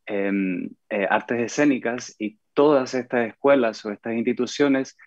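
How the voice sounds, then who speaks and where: A man with a Chilean accent, an actor and Alexander Technique teacher, introducing himself on a video call in a measured way, searching for words. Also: mid-range voice, no room sound. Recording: dry, dull video-call audio.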